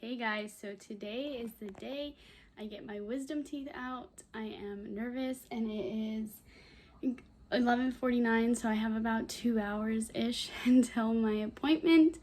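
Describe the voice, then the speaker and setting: A woman's voice: fairly high pitch, measured pace, darkish tone. A young adult woman chatting casually as a stay-at-home mom vlogger, in an informal, self-interrupting way. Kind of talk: casual vlog chat and narration.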